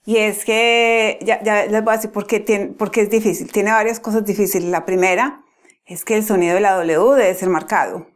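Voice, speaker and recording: A woman's voice: medium pitch, steady tone, normal speed. A young woman giving a casual pronunciation lesson, explaining patiently step by step with frequent restarts. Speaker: pronunciation teacher.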